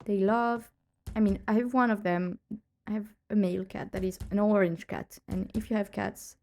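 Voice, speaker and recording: Medium in pitch and steady in tone, this woman talks at normal speed with vocal fry and a darkish sound. A cold has lowered her voice as she streams a detective game, chatting casually and laughing often.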